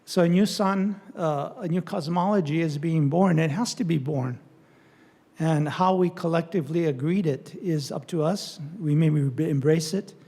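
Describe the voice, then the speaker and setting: Speaking to an audience at a public talk followed by Q&A, an older Native studies lecturer has a fairly high pitch and a gravelly voice with fried edges. His tone is mellow and dark, and he pauses frequently, groping for words amid fillers and restarts.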